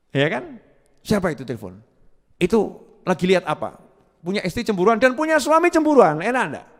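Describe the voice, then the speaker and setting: A man preaching a sermon, questioning the listeners and chanting prayers in long drawn tones. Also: sits high. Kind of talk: sermon to a live audience. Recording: live sermon with long hall reverb.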